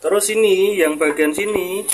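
A young man with a high-sitting voice, speaking at normal speed, casually shows off a product for viewers as a seller doing a review. He keeps it informal, calling the viewer boss, and the home video is noisy with clicks.

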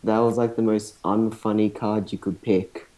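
A man's voice: lowish voice, little pitch movement, moderate pace, dark tone, rough recording. A man playing an online card game with friends, making sarcastic, mocking remarks and jokes. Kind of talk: casual online game chat.

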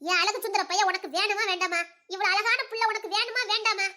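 A woman's voice: extremely high pitch, steady tone, quick pace, pushed and bright, full character voice. A woman doing a scheming gossipy mother. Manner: gossiping, scornful, chuckling. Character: scheming middle-aged mother plotting for her son. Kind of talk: audio drama acting.

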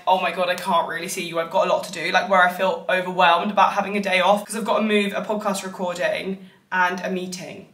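A woman's voice: on the low side, a bit bright. A woman, chatting casually to camera as a vlogger, filling her talk with "like" and "literally". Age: 20s. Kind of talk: casual vlog chat to camera. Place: home and car on a rainy day.

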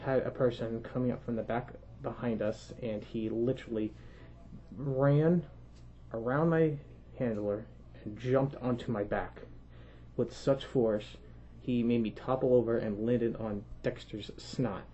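A young man vlogging from inside a costume head, so his voice comes out muffled. He has a warm, mellow tone and a chatty, rambling way of telling his story. The recording is a bit dull and lo-fi, with faint noise behind him. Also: mid-range voice, unhurried. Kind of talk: casual storytelling to camera.

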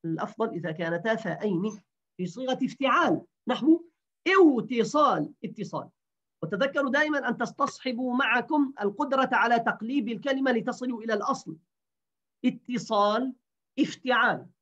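A woman teaching a grammar lesson, repeating words slowly and quizzing her students. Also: on the high side, fairly bright tone. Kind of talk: grammar lesson to an online class. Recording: dull lo-fi recording.

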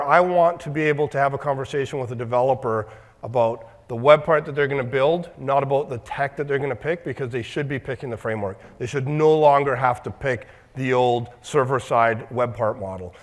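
A man addresses a conference crowd at a medium pitch, choosing his words with care and restarting now and then. Long reverb from a large hall trails after his voice. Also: fairly bright tone. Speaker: conference presenter. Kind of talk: conference talk.

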